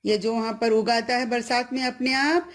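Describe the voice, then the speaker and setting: A woman's voice: fairly high pitch, fairly even intonation, moderate pace. A middle-aged woman teacher giving an online lesson to children, patiently explaining each word and asking the class questions.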